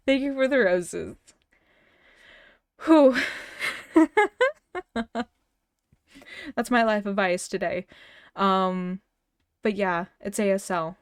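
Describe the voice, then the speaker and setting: In a fairly high voice, this woman streamer reads chat messages and a story to her viewers during a casual livestream chat. Stutters and restarted words come often, along with the odd laugh, all captured in a dry, clean studio recording.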